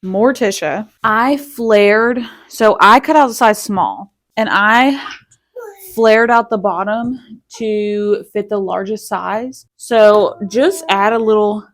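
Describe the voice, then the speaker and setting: A woman's voice: mid-range voice, slow. Young mom chatting thru a sewing tutorial, kinda casual, trips over her words and laughs it off. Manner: chatty, self-interrupting, laughs at herself. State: a little out of breath. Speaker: sewing channel host. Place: home sewing room.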